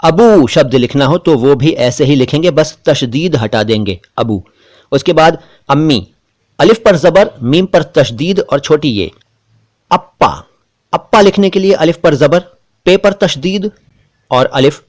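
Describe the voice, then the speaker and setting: A man, hosting a spelling lesson and explaining words slowly and carefully, letter by letter. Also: a little high, animated, darkish tone. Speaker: Urdu language teacher.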